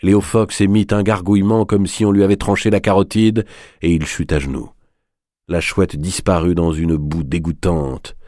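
A man reading a dark novel aloud as the narrator, in a measured, dramatic way. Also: low-pitched, flat delivery, no echo, clean studio sound. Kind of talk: audiobook narration.

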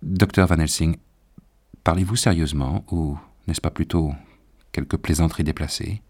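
A man voicing an indignant, hot-tempered young nobleman in a storybook reading, raising his voice high in loud outbursts. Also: normal speed, breathy edge. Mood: stunned.

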